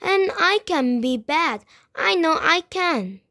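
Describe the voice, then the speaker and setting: A woman doing a sweet, high little girl. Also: expressive, slow, pushed and bright, no room sound, studio quality, full character voice. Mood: pleading.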